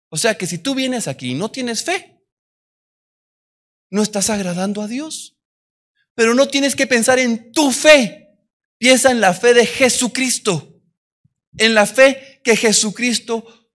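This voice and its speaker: A man preaches a sermon in a church. He tells stories in a quiet, close voice, then rises to loud, emphatic preaching. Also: high voice.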